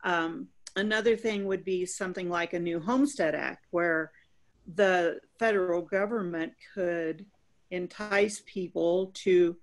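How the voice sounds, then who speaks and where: An older woman farmer on a video call from home, answering in an earnest, unhurried way with some restarts. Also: on the low side. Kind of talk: webinar panel answer. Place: home room by a bright window. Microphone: laptop webcam on a video call.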